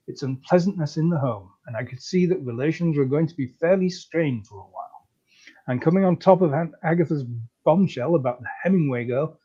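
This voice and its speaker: A man reads a comic story aloud in a breezy, chatty way, his voice fairly high for a man yet soft and mellow. The recording sounds a little dull and lo-fi. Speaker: story reader. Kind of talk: comic live reading of a story.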